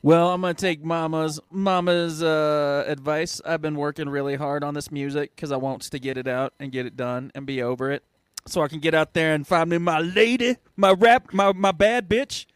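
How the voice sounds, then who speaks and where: A man's voice: on the high side, normal speed, clear, resonant tone, no echo. A man co-hosting a crude comedy podcast, laid-back and joking, laughing a lot. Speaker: podcast co-host.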